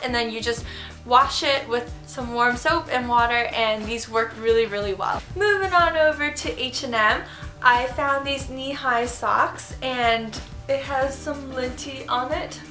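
A young woman in her twenties chats bubbly and enthusiastic in a casual fashion haul vlog from her bedroom, her high, bright voice forceful yet congested from a cold. The recording has a roomy echo with background music.

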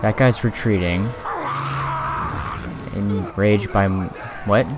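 A man's voice: lowish voice, fairly even intonation, takes it slowly, heavy background noise. A man giving casual commentary while playing a video game, muttering and swearing in frustration. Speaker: let's play gamer.

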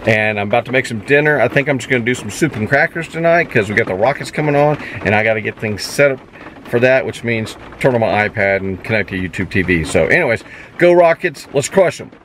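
With a mid-range, expressive voice, quick pace, a slightly bright tone and a little hiss or hum, a man in his forties vlogs his travels. He talks cheerfully to a handheld camera at arm's length, full of fillers, both out on a lakeside dam and inside his camper van. Voice-over narration runs alongside the casual chat.

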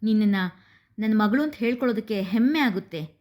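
A woman voicing a gentle, proud father reassuring his daughter in a story reading. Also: medium pitch, expressive, a little fast, natural voice. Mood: tender. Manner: tender, reassuring.

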